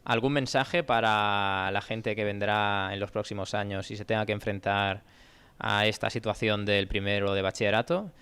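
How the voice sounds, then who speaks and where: Man, podcast host, bright crisp voice, playful teasing questions. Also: lowish voice, fairly even intonation, normal speed. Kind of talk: casual interview with students.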